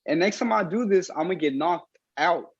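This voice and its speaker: Young male athlete interviewee, rough husky tone, casual and plain-spoken, dull recording. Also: sits high, expressive, fairly quick, no room sound. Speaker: boxer being interviewed.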